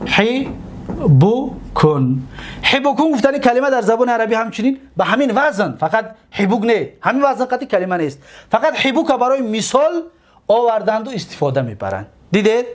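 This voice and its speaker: Tajik-accented man teaching, lively pitch. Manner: slow, drawn-out on example words; questions the listeners and answers himself. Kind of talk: grammar lesson.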